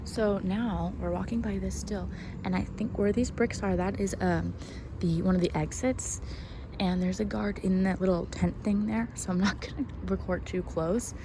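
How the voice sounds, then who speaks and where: A woman vlogging casually as she walks outdoors through a cemetery, excitable and foul-mouthed, often dropping into whispers. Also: medium pitch, normal speed, background noise. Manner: excitable, swears freely, drops into whispers. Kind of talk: casual walking vlog.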